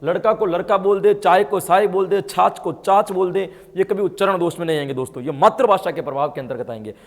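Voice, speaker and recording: A man from India leads an online test-prep lecture in a fairly high voice. He keeps asking the class questions and answering them, and his voice swells whenever he hits a key point. The room adds a long, lingering reverb. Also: fast talker, vocal fry. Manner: explains by asking and answering his own questions, with frequent tag questions; grows louder and more emphatic when stressing key points. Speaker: exam-prep teacher.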